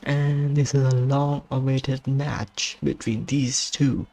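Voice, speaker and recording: A man doing play-by-play commentary on a wrestling video game, excitable and exclaiming at surprises, his voice strained and going hoarse. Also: mid-range voice, slow. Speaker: gaming channel host doing commentary.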